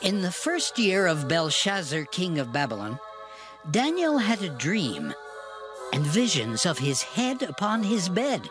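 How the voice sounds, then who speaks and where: Guy narrating dramatized bible, solemn and measured but really lively pitch, music behind.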